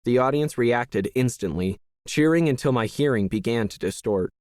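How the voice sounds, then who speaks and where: A man narrating a science fiction audiobook in the first person, in a measured, even storytelling manner. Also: mid-range voice, dry recording, clean studio sound.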